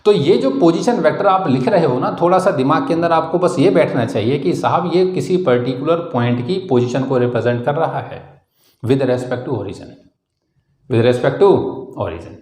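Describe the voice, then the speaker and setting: A man with an Indian accent teaching a physics class, explaining step by step, calling students "beta" and slowing down to dictate definitions. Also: on the high side, darkish tone, echoey room. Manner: slow, spelled-out dictation of definitions. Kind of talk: classroom lecture.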